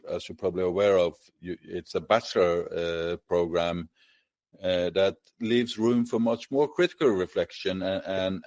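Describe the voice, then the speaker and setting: Casting: Norwegian interviewer, low voice, halting, dry close sound. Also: male voice, darkish tone, no room sound. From Norway. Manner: halting, restarts words often. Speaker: host, interviewer. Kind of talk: conversational interview.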